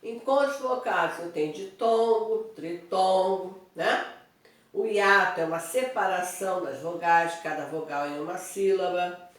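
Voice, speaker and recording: A woman's voice: lowish voice, a little slow. A woman teaching Portuguese grammar in an online review lesson, explaining step by step and checking in with her students. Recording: very echoey room, voice from a distance.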